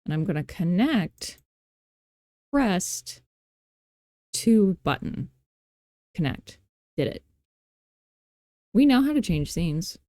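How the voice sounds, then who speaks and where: A woman hosts a screen-recorded tutorial, her fairly low, mellow voice taking on a sing-song quality at a slow pace with long pauses. She's informal and playful, thinking aloud and making self-deprecating asides. The sound is very dry and close, with no echo.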